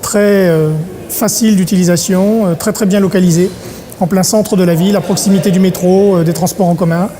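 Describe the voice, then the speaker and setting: A middle-aged man from Paris, an event organizer talking in an interview, pausing often on filler sounds. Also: sits high, fairly even intonation, warm tone, soft background music. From Paris, France. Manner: hesitant, many filler sounds. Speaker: congress organizer. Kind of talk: interview monologue.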